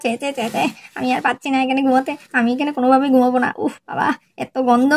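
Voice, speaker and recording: A woman's voice: high voice, level tone, fast. A woman narrating a comic family skit and playing a nagging, exasperated wife. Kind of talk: comic storytelling with acted dialogue.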